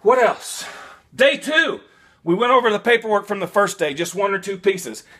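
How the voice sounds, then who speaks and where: A man, giving casual trucking advice to camera in an animated way, stopping and restarting often, in a small room at home. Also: sits high, moderate pace, slightly rough. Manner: animated, gestures a lot, repeats and restarts. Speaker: vlogger, new truck driver.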